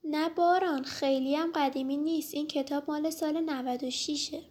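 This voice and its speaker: A woman's voice: high voice, steady tone, a little mellow. A woman on a podcast chatting casually and giving book details in a matter-of-fact way. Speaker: podcast co-host. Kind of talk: casual chat.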